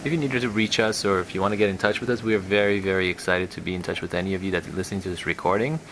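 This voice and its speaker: Low-pitched and fairly even in intonation, this man speaks rapid-fire as a hypnotherapist guiding a relaxation session, yet his delivery stays soothing and hypnotic. The background is noisy, with relaxation music and the sound of rain.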